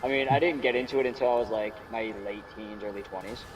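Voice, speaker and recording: Twenties guy co-host, loose animated storyteller, mid pitch, distant mic. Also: quick pace, over a noisy crowd. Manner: animated, swearing, laughing storyteller. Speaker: podcast co-host. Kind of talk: casual chat.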